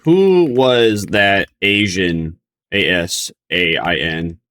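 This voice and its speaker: A man's voice: low voice, slow, sharp tone. A man streaming casual reaction commentary, rambling in a bemused, hesitant way.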